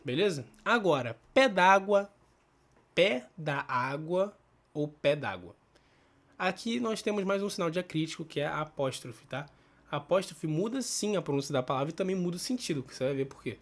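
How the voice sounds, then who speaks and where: A Brazilian man teaching a casual Portuguese spelling lesson, explaining step by step, thinking aloud and often checking in with quick tag questions. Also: fairly high pitch, animated. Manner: thinks aloud with restarts and self-corrections. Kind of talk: casual spoken grammar lesson.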